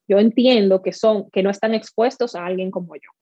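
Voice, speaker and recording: A woman's voice: mid-range voice, brisk, warm tone, no room sound, dull audio. Dominican-born woman speaking candidly. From Dominican Republic. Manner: candid, earnest, mixes English words. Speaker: guest. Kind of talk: interview conversation.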